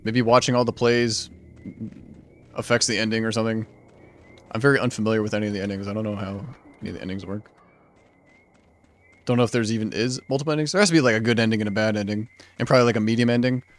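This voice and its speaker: A man's voice: lowish voice, fairly even intonation, fast, long pauses. A male streamer casually thinking aloud while playing a game, rambling and unsure, with lots of "like". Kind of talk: casual gameplay commentary.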